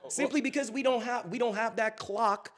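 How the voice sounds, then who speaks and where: A man's voice: extremely high pitch, normal speed, fairly bright tone. A man giving blunt, opinionated views in casual slang during a roundtable chat.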